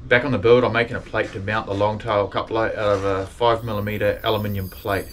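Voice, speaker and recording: A man with a somewhat low voice narrates a metalworking project in a relaxed, dry-humoured way. He is recorded in a workshop, and clear noise is heard behind him. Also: a little fast. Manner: laid-back, dry humour. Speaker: welder and fabricator vlogger.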